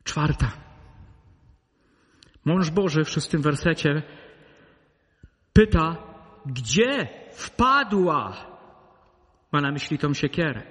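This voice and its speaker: Guy preaching a sermon, high bright voice, big echoey hall, emphatic, goes loud then quiet. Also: sing-song, takes it slowly, long pauses. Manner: emphatic preaching that swings between loud peaks and low intimate asides. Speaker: pastor. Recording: long hall reverb.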